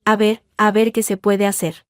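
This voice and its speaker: A man's voice: sits high, level tone, moderate pace, fairly bright tone, no room sound, studio quality. A woman voicing a manipulative husband who pleads in a honeyed tone in a read-aloud story. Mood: pleading. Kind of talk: scripted narration.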